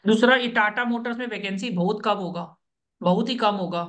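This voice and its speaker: A man's voice: sits high, normal speed, fairly bright tone. A man coaching a student for job interviews on a video call, giving firm instructions and often checking that he is understood. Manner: directive, keeps checking understanding.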